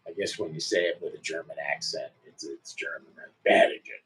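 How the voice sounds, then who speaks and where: A man's voice: very deep voice, a little fast, fairly bright tone, low-quality recording. A middle-aged man hosting a casual livestream, rambling in an easygoing way with lots of fillers and restarts. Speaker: livestream host and musician.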